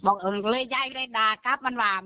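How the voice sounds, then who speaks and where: In a low-quality recording, an older woman with a fairly high, sharp voice talks a little fast about a scam call she got. This grandmother chats casually like she's on the phone, blunt, repetitive and swearing freely.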